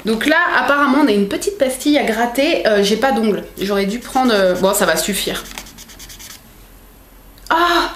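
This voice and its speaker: A young woman chatting as a book vlogger, excitable and full of fillers. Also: on the high side, a little hiss or hum. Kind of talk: casual unboxing chat. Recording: echoey room.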